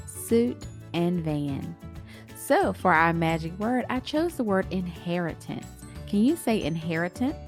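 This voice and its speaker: Over background music, a woman with a lowish, slightly mellow voice reads a children's storybook aloud expressively. She explains things to young listeners the way a teacher would.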